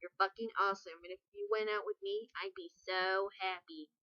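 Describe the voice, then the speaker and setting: A woman's voice: medium pitch, fairly even intonation, brisk, no room sound, close to an everyday voice. A woman reading as a shy nervous teenage boy. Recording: dull lo-fi sound.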